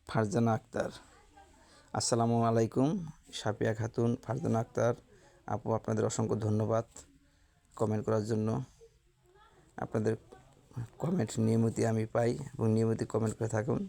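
A woman lifestyle vlogger with a Bangladeshi Bengali accent reads through viewer comments. Her voice has a gravelly, creaky edge and stays on a fairly flat, even line. She speaks slowly and earnestly, thanking each person by name. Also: a bass voice.

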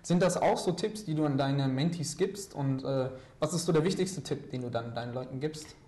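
A man's voice: mid-range voice, moderate pace, warm tone, roomy sound. A young man hosting a student TV studio interview, asking questions with many fillers and hesitations. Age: young adult. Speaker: host. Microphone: lapel mic.

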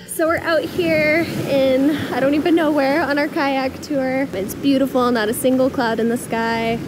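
A woman's voice: high voice, fairly even intonation, moderate pace, over music. A woman in her twenties chatting casually to a camera at arm's length outdoors on a beach. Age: 20s. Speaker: vlogger. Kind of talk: casual travel vlog.

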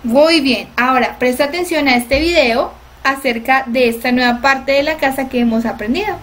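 A woman English teacher, giving a cheerful, clear lesson to young children. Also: high voice, moderate pace, fairly bright tone.

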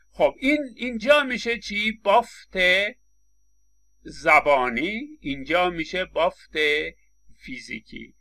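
A man's voice: a little high, pushed and bright. A man giving a recorded lecture, explaining with examples, acting out short quotes and often stammering on restarts. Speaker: linguistics lecturer.

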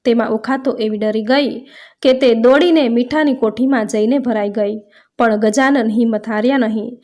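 A woman's voice: fairly high pitch, steady tone, normal speed, warm tone. Woman narrating a devotional tale. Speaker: storyteller.

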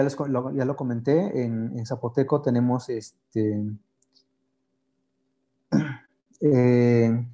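A man with a dark, mellow, mid-pitched voice teaches a language lesson. He explains each example patiently and slowly. He often stops on small fillers before going on. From Yagavila, Oaxaca, Mexico.

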